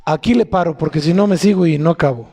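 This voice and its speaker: A man with a Mexican accent preaching a sermon, often asking his congregation questions and reading scripture in a slow, drawn-out way. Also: on the high side, warm tone, husky. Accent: Mexican Spanish. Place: church hall. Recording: long hall reverb.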